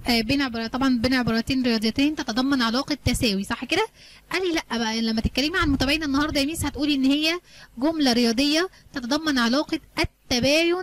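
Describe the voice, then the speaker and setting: Fast-talking Egyptian woman math teacher. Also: high-pitched, a bit bright, a little hiss or hum. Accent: Egyptian Arabic. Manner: asks the class questions and answers them herself; colloquial, coaxing teacher talk. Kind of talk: explaining a lesson to students.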